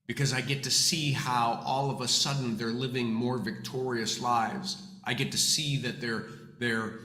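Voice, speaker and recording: A man's voice: mid-range voice, bright, forceful tone. Give me a pastor speaking earnestly into a desk mic in his office, with a big hall echo ringing around his voice. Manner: earnest, encouraging, preacherly. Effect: heavy hall-like echo on the voice. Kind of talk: live morning devotional talk. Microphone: desk microphone streamed online. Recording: echoey reverberant room.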